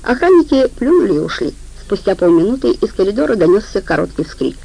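Gravelly woman narrating an audiobook. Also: mid-range voice, very animated, fast, mellow, low-quality recording.

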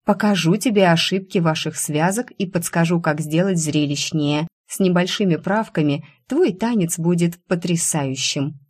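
A woman's voice: on the low side, normal speed, hardly any pauses, breathy edge. A woman voicing a stubborn young female dance student who speaks wryly and pleads. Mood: pleading. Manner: wry, pleading.

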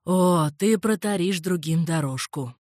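A woman reading an audiobook, voicing a jovial, lewd older male merchant in a lowered voice. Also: measured pace, a little mellow, no room sound, clean studio sound, natural voice. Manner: low and chuckling.

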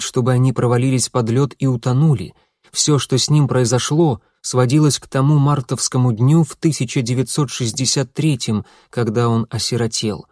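A man narrating an audiobook in a steady, measured way. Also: medium pitch, no echo, studio quality.

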